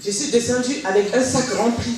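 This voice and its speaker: A woman with a fairly high voice speaks briskly over crowd noise, sharing her personal testimony at church. She tells her story with animation, acting out the conversations she remembers. The hall is very echoey, her voice sounds distant, and there is faint background noise.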